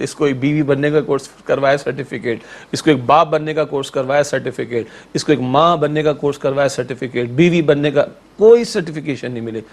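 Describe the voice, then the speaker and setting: On a religious TV talk show, a male Islamic scholar speaks emphatically and preachily, stacking up rhetorical questions and repeated lists. His voice is a little high.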